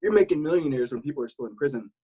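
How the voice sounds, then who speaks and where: A man's voice: mid-range voice, lively intonation, very fast, dark tone, breathy edge, poor audio. A man from South Texas talking casually as a podcast guest, candid and rambling, swearing freely. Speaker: guest, military veteran.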